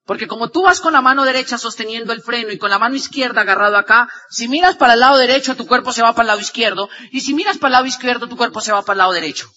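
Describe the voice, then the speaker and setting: A man giving an energetic motivational talk, swinging from loud shouts to low murmurs as he acts out dialogue. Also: rapid-fire, hardly any pauses, in a large hall, dull audio. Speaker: motivational speaker.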